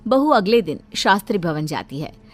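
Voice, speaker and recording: A woman's voice: medium pitch, very animated, moderate pace, soft background music. A woman narrating a cartoon story with plain storytelling delivery.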